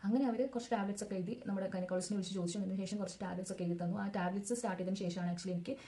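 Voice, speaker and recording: A woman's voice: mid-range voice, fairly even intonation, rapid-fire, dark tone. A young woman casually telling her own story as a vlogger, in a chatty, rambling way that backtracks to add details.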